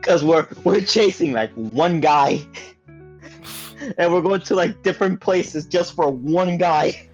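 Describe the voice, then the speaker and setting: A man chats as a tabletop player, often halting and restarting. His audio sounds dull and muffled. Guitar music plays softly behind. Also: fairly high pitch. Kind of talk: casual tabletop chat.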